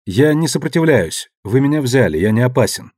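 A man voicing a battered older ship captain, who yells orders and then speaks meekly to his captors. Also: medium pitch, expressive, fairly quick, no echo, studio quality, lightly acted. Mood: submissive. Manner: shouting orders, then meek and submissive.

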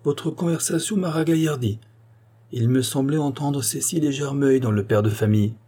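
Guy reading, puts on a jolly old doctor uncle from a storybook, high hearty voice, warm dark tone. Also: moderate pace, breathy edge, lightly acted. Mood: jovial. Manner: hearty, teasing.

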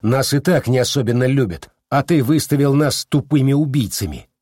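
A man's voice: medium pitch, moderate pace, darkish tone, no room sound, studio quality, voice pushed up, close to an everyday voice. A man voicing a blunt, accusing male officer in an audiobook. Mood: angry.

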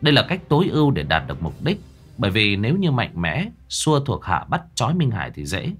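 A man narrating a ghost story in a dramatic, expressive way. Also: on the low side, fairly quick, faint music behind. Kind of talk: scripted narration.

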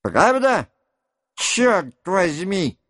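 An adult man reading a book aloud and voicing a hot-tempered male hussar officer who shouts fiercely. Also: very high-pitched, big pitch swings, slow, dry recording, studio quality, voice pushed up, exaggerated voice. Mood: fiery. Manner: shouting, fiery. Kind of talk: audiobook character reading.

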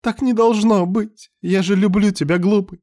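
A man voicing an excitable, lovesick young nobleman who speaks in a high, pleading voice. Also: measured pace. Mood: desperate.

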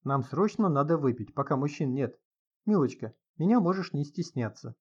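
A man's voice: fairly high pitch, expressive, normal speed, darkish tone, slightly rough, lo-fi sound. Man voicing a nosy, gossipy older woman writer.

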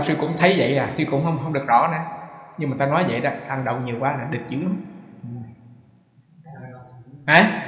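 A monk from Vietnam preaches in a fairly high voice, chatty and questioning, with everyday jokes. His words ring through a large hall with a long reverb. The recording is dull and muffled. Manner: conversational, asks listeners rhetorical questions, homely humorous examples. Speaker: Buddhist monk giving a dharma talk. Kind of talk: sermon.

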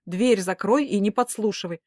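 A woman's voice: medium pitch, moderate pace, darkish tone, no room sound, studio quality, natural voice. A woman voicing a worried middle-aged mother who scolds and pleads emphatically. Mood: urging.

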